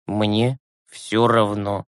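A man reading an audiobook who voices a weary, grieving teenage boy, low and slow. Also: level tone, smooth, dry recording, studio quality. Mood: despairing. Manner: low, slow, exhausted, withdrawn.

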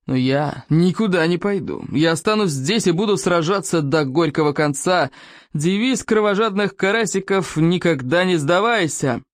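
Brief: reader as towering Viking chief, slow, booming, stern, commanding. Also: expressive, dry recording, studio quality, close to an everyday voice. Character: furious booming Viking chief, big proud man.

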